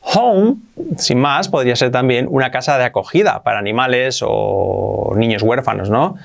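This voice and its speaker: A Spanish-accented man from Spain runs a relaxed English lesson, his mid-pitched voice carrying a gravelly edge. He says example phrases slowly, repeats them, and acts out short everyday exchanges. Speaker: English teacher. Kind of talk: casual language lesson.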